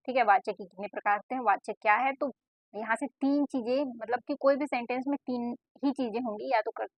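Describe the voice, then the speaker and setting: A woman exam-prep teacher talks her students through a lesson in a relaxed, casual way. She keeps asking questions and answering them herself, with a frequent "ठीक है". Her voice sits a little high, and the recording is dry and slightly muffled. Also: brisk, no echo. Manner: explains step by step, asks and answers her own questions, repeats "ठीक है". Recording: dry, dull lo-fi voice-over.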